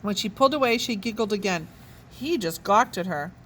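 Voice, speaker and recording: A woman reading a children's novel aloud with expressive, animated storytelling. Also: medium pitch, brisk, a little hiss or hum. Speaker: children's book reader.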